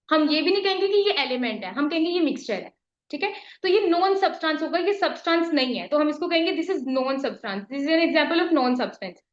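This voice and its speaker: A woman with a Pakistani Urdu accent teaching a chemistry class, explaining patiently and often checking whether students follow. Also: high-pitched. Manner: explains patiently, mixing English terms, often checks "theek hai?". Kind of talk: classroom lecture. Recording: echoey, slightly dull classroom recording.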